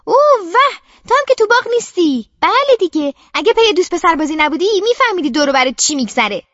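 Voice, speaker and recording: A woman's voice: extremely high pitch, very animated, a bit bright, no echo, dull audio, pitched above the performer's own voice, full character voice. A woman reading an audiobook voices a nosy, scolding aunt by marriage who accuses and mocks her niece. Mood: scornful. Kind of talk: audiobook character voice.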